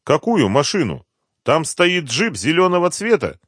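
An indignant young woman , as a male reader puts her on, demands the truth in a raised, sharp audiobook voice. Her delivery is suspicious and insistent, recorded dry and close. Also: on the high side, big pitch swings, unhurried, slightly rough, no echo, pitched above the performer's own voice, full character voice. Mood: puzzled. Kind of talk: audiobook character voice.

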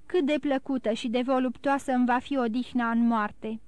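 A woman reading an audiobook, voicing a gentle but resolute young man in despair, earnest and bitter. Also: fairly high pitch, fairly even intonation, smooth, no echo, natural voice.

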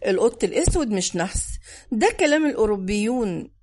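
A woman voicing a chatty adult man, a history buff and young father, with an Egyptian accent and an animated manner, in an audiobook. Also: mid-range voice, fast talker, lightly acted. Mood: lively. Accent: Egyptian Arabic. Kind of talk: audiobook character voice.

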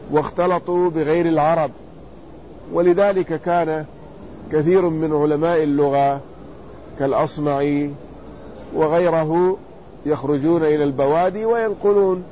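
A man teaching a classical text, reading each passage and then explaining it slowly and deliberately. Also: a little high, fairly even intonation, warm tone, lo-fi sound, a little hiss or hum. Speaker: teacher of hadith sciences.

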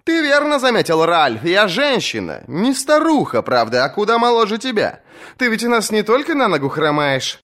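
In an audiobook reading, a man performs a full character voice pitched above his own: a fierce young female sea captain taunting her rivals. The voice sits high and fairly bright with wildly swooping pitch at a moderate pace, mocking, commanding, and defiant.

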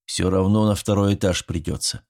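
A man voicing a big, slow-witted young man who mumbles in confusion. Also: sits low, vocal fry, darkish tone. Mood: confused. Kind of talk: audiobook character voice.

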